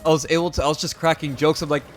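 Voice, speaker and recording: A man's voice: fairly high pitch, fairly even intonation, racing, faint music behind. A young adult man streaming a game, telling rambling, joking stories to his viewers with plenty of filler words. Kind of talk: casual chat with stream viewers.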